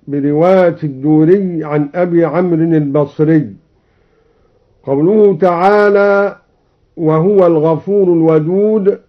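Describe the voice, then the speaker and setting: High-voiced, slow, measured male instructor. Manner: measured, deliberate explanation with chanted quotations. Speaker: Quran recitation instructor introducing a radio recitation. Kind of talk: explaining reading variants, then chanting the verse examples. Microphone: studio broadcast microphone. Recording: slightly dull archival radio recording.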